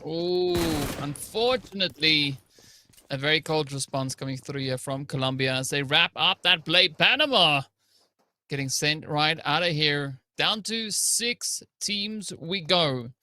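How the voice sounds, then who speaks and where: A man's voice: on the high side, unhurried, sharp tone, dry recording. A man co-casting an esports match, talking at length and often adding "right?" to his points. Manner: wordy, fills with "right?" and "like". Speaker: esports caster. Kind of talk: esports color commentary.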